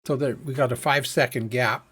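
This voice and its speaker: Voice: medium pitch, fairly even intonation, moderate pace, a bit bright, slightly rough. A let's-play host giving casual gameplay commentary, musing aloud and thinking through each task step by step.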